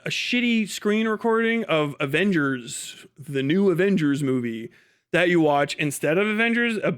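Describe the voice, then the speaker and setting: On his livestream, a male host keeps up improvised commentary, pushing his arguments hard, repeating himself and cursing casually. The voice is high-set and fairly bright.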